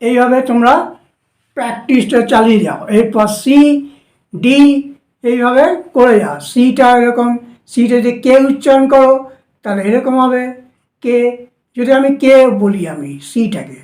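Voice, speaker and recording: A woman's voice: fairly high pitch, expressive, normal speed, a little mellow, echoey room. A woman with a Bengali accent, teaching shorthand strokes at a board and patiently repeating each step. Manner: instructive, repeats steps patiently. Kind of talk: whiteboard lesson for students.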